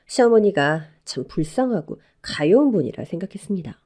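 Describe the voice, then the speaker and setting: A young bride telling her own story, read by a woman for a radio drama. Her speech is polite and deferential. Her pitch moves in a lively way. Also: brisk. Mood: calm narration. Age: young adult. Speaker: narrator and new daughter-in-law.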